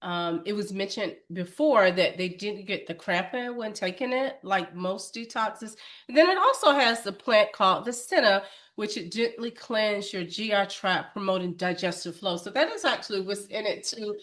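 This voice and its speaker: A woman's voice: mid-range voice, moderate pace, fairly bright tone. A woman co-presenting a product, explaining its ingredients plainly with a few hesitant restarts.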